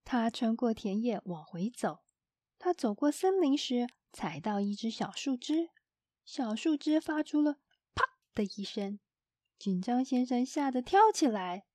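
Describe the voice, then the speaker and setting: A woman narrating a children's storybook in a gentle, expressive storytelling manner. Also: fairly high pitch, a little slow, no room sound.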